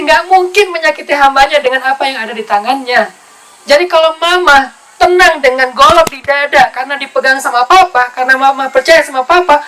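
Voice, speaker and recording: Man doing a calm, patient husband. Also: very high-pitched, a little hiss or hum, pitched above the performer's own voice, low-quality recording. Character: calm, steady husband reassuring his wife.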